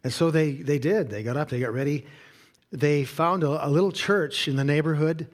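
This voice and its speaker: Guy pastor preaching, kinda high voice, goes loud then real quiet. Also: normal speed. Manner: dynamic preaching, swings between loud emphatic quotes and quiet intimate asides. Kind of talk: sermon.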